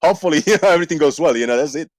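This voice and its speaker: Talking very fast in an expressive voice on the high side, a Puerto Rican livestream host in his forties, a native Spanish speaker with a Puerto Rican accent, chats loosely, laughing and swearing freely. He has a little frog in his throat that he keeps clearing. The audio is dry and poor.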